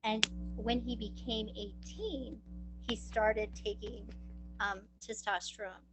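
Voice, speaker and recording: A mother telling her story at an advocacy training, emotional and halting, with restarts and pauses. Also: medium pitch, steady tone, a bit bright, low-quality recording. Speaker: parent giving testimony. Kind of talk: personal testimony at an advocacy training.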